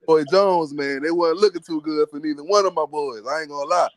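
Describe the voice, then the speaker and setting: Blunt, slangy podcast co-host. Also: male voice, a little high, brisk, no room sound. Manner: blunt, slangy, swears freely. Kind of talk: casual chat.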